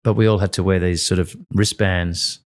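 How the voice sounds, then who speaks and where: Aussie guy, radio host, kinda low voice, gets really animated telling stories. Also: normal speed. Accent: Australian. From Australia. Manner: animated storyteller. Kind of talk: casual interview chat.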